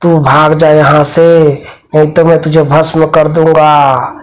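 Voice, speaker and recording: A man's voice: fairly high pitch, little pitch movement, takes it slowly. A man voicing a stern old holy man who vows to destroy a witch, in a cartoon horror story. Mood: commanding. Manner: commanding, threatening.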